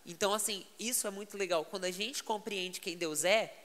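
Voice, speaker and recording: A pastor with a Brazilian Portuguese accent tells stories in a lively, animated way and laughs easily. His voice is bright and clear. It is heard with a long reverb tail, as if in a large room. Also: high voice, brisk. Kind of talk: casual podcast chat.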